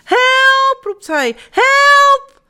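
A woman's voice: very high-pitched, very animated, unhurried, fairly bright tone, voice pushed up, full character voice. A woman voicing Jip, a small boy stuck in a tree, crying for help in a storybook reading. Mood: scared.

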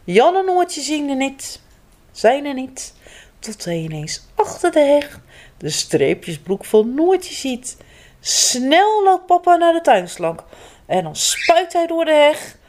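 A woman reading a children's picture book aloud, playing the characters' lines with bright lifts in her voice. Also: high-pitched, sing-song, slow. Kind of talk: children's story read-aloud.

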